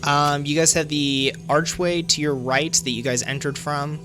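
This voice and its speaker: A man's voice: fairly high pitch, steady tone, unhurried, music in the background. A young man running a tabletop game as game master, describing scenes with fillers and restarts. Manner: descriptive narration with fillers and restarts, laughs easily.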